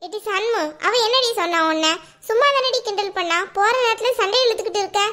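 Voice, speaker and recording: A woman's voice: very high-pitched, brisk, fairly bright tone. A woman voicing a fussy middle-aged village mother in a cartoon, scolding and questioning her daughters.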